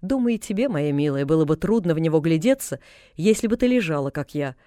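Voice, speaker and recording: A woman's voice: low voice, animated, brisk, dark tone, dry recording. A woman voicing a sour, bedridden woman of forty who talks in a tired, grumbling, dry way in an audiobook. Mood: weary. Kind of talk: audiobook character reading.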